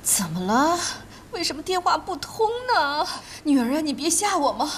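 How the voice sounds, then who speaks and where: An actress playing a frantic, hot-tempered middle-aged mother in a TV drama, excitable and quick to scold. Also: high voice, a little hiss or hum. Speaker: mother of a grown daughter. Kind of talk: TV drama acting. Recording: faint music behind.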